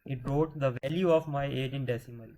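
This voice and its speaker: A man's voice: medium pitch, steady tone, brisk, dark tone, slight background noise, low-quality recording. A man teaching a programming lesson, patiently asking questions and answering them himself, often restarting words. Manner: restarts words mid-sentence. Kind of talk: screen-share coding lesson.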